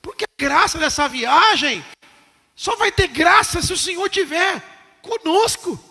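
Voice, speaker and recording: A Brazilian pastor preaches in a very high, piercing voice, driving his points home with repetition. He drops to a hush, then climbs to a shout. A long church reverb trails every phrase. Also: animated, a little slow, gravelly. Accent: Brazilian Portuguese. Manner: swings from hushed to shouting, emphatic repetition. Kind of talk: sermon. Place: church sanctuary.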